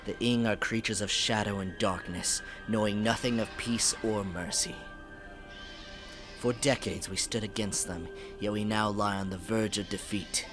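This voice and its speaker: A man voicing a solemn male alien sentinel in a video game, reading slowly and gravely. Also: fairly low pitch, steady tone, music in the background, natural voice. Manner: slow, measured, grave delivery.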